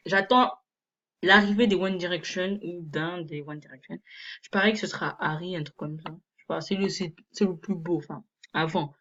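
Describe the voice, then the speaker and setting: A woman's voice: on the low side, moderate pace, a bit bright, muffled recording, slight background noise. A young woman reading fan fiction aloud and commenting on it in a chatty, amused way, full of fillers. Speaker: video creator.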